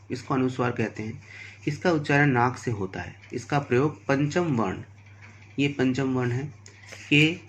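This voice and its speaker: Male primary school teacher, slow deliberate delivery, patient and methodical. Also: mid-range voice, gravelly, slight background noise. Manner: spells out letters and examples patiently, addressing children. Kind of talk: slow, deliberate classroom lesson.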